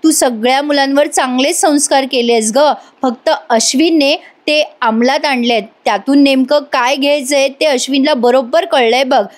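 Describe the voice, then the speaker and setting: This is a scheming young woman who sounds sweet and pleading on the surface, as a woman reviewer acts her out. The voice sits high. Her lines come from a serial retold in a review. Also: normal speed, few pauses, close to an everyday voice.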